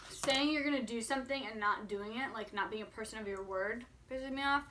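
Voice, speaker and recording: A woman's voice: on the high side, a little fast, background noise. A woman of twenty-one talking casually and candidly to viewers, peppering her sentences with "like". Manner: candid, informal, filler-heavy with frequent "like". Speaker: vlogger answering viewer questions. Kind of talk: casual chat to camera.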